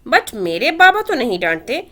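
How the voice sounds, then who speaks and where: Sweet chatty toddler girl, read by a woman, high and lively, innocent questions. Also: moderate pace. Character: innocent chatty three-year-old girl.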